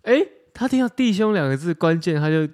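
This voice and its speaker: A man, co-hosting a podcast in casual chat, teasing his partner with quick interjections. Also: high-pitched, animated, darkish tone. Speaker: podcast co-host.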